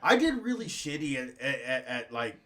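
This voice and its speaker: A man's voice: mid-range voice, very animated, moderate pace, a crowd in the background. A man co-hosting a casual podcast, rambling loosely, laughing often and reading listener comments aloud. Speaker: podcast co-host. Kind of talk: casual chat.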